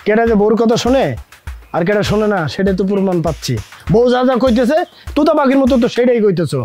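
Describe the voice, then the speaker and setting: A young man, playing a scornful, rude younger brother who shouts, in a TV drama, with music underneath. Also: sits high, expressive, fast. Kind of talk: TV drama acting.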